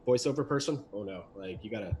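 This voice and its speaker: With lively intonation and a fast delivery, a young man talks in a lowish, somewhat mellow voice about his work voicing characters. He's a voice actor and animator appearing as a livestream guest, chatty and rambling with many fillers and restarts, over a light hiss or hum.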